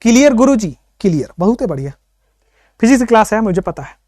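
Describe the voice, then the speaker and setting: A man teaching chemistry in an online class, repeating each point and coaxing his students to answer, and dictating notes very slowly. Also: high-pitched, very animated, a little mellow, no room sound, clean studio sound.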